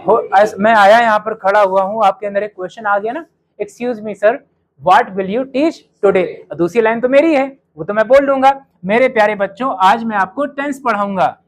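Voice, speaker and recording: A male teacher gives a spoken English lesson to his students. He slows right down to say each sample sentence with care. He keeps quizzing the class with rhetorical questions. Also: sits high, a faint crowd, poor audio. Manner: says English model sentences slowly and clearly, then quizzes students.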